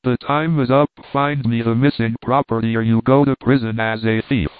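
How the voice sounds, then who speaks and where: A man's voice: mid-range voice, fairly even intonation, moderate pace, smooth, no room sound, close to an everyday voice. A man reading as a stern rich old farmer. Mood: fierce. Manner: fierce, commanding. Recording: dry, tinny phone-like sound.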